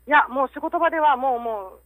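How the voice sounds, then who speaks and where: A woman's voice: sits high, quick pace, no echo, narrow, tinny audio. A woman in her thirties phoning in as a caller to a radio advice show, speaking frankly with many hesitant fillers. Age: 30s. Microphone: phone call into the studio.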